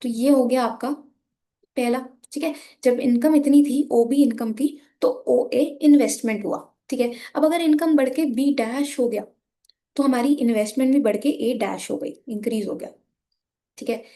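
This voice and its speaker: Hoarse Indian woman teaching economics. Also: fairly high pitch, moderate pace, warm tone. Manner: patient, repeats "ठीक है" often, switches between Hindi and English. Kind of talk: board exam lesson drawing graphs.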